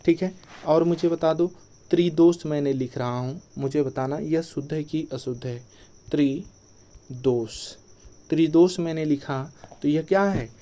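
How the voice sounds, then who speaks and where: A man's voice: fairly high pitch, normal speed, warm tone. A man teaching an exam-prep Hindi grammar lesson, who repeats each point as a question to the class and then answers it himself.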